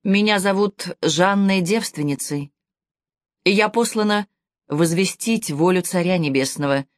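A woman's voice: lowish voice, a little slow, no echo, clean studio sound, lightly acted. A woman reading as a devout young peasant girl. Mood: reverent. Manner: reverent, earnest.

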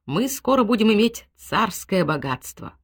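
A woman playing a shrill capricious general's wife. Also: sing-song, normal speed, breathy edge. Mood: mysterious. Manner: high, shrill, dramatic exclamations.

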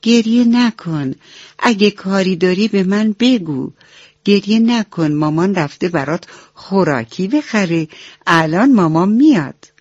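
A woman's voice: medium pitch, animated, dry recording, voice pushed up, natural voice. A woman voicing a young male duckling, an eager and dutiful big brother who talks to the little ones earnestly and soothingly. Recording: dull lo-fi radio recording with soft music.

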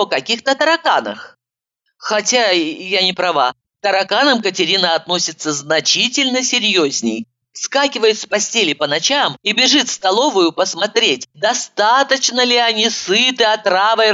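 Brief: woman reading an audiobook aloud, bright and lively, fairly high, on a dull lo-fi recording. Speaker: audiobook narrator. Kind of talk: first-person audiobook narration.

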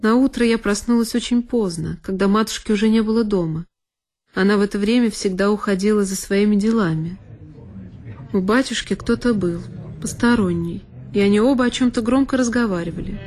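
A woman's voice: mid-range voice, fairly quick, darkish tone. A woman performing a dramatic reading of a classic novel as narrator, in an intense, emotional storytelling manner. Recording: violin music underneath.

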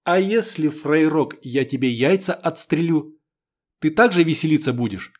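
A man voicing a young woman pilot shouting defiantly at robbers in an audiobook, raising his voice. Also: on the high side, expressive, normal speed, pitched above the performer's own voice. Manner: loud, defiant. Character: brave young woman pilot facing thugs.

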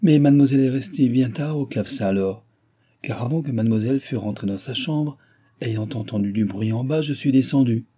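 A man's voice: mid-range voice, a little fast, mellow, breathy edge, pitched above the performer's own voice, natural voice. A man voicing a sly young chambermaid in an audiobook, talking in a sugary, insinuating way.

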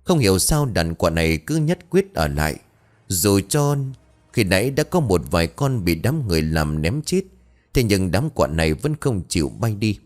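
A man's voice: deep voice, big pitch swings, normal speed, a little mellow. A man narrating a scripted horror story as a storyteller, lifting his voice when the frightened figures cry out.

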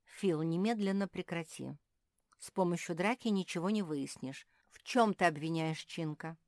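A woman voicing a calm, patient, wise female owl in a storybook reading. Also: fairly low pitch, no room sound, clean studio sound, lightly acted. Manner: calm, measured, sighing.

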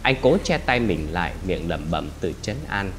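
A man's voice: low-pitched, expressive, moderate pace, a little hiss or hum. A man reading a horror story in a dramatic, tense way. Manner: dramatic, tense, rises into shouted cries for quoted lines. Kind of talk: scripted horror story narration.

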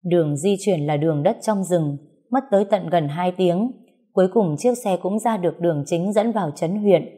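A woman narrating a novel as an audiobook, reading in a steady, unhurried way. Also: fairly low pitch, slightly rough.

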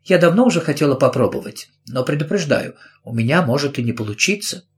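A man's voice: a little high, animated, faint music behind, close to an everyday voice. Man reading as a prim witch lady. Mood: friendly. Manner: slow, brooding, menacing, then suddenly sweet. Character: prim middle-aged woman, a witch. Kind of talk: audiobook character voice.

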